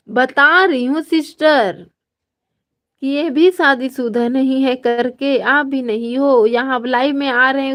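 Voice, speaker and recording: A woman from Chhattisgarh hosting a casual live stream, greeting viewers by name and reading out their comments in a slow, drawn-out, friendly way. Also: sits high. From Chhattisgarh, India.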